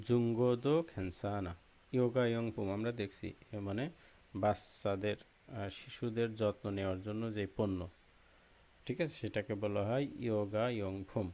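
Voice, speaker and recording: A man's voice: fairly low pitch, steady tone, normal speed, darkish tone. Patient man teaching pronunciation. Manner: patient, repeats terms and checks understanding often. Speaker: language teacher. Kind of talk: explaining Korean grammar and pronunciation.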